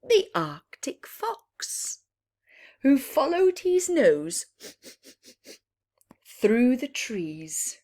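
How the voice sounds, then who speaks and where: A high-pitched woman reads a picture book to young children with animated storytime energy, pausing for drama and offering little explanations to her listeners.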